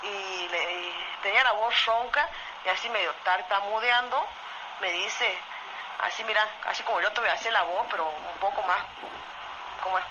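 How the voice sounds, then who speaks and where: A woman with an Argentine accent from Salta, telling a true story in a voice message in a lively way, often asking "¿viste?". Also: medium pitch, normal speed. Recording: muffled voice message with loud noise.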